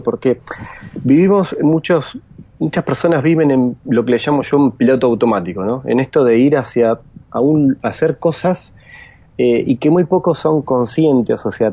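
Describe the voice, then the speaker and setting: A man's voice: mid-range voice, mellow, slightly rough, lo-fi sound. A man, a coach and consultant, giving a thoughtful interview answer and explaining step by step with frequent hesitations.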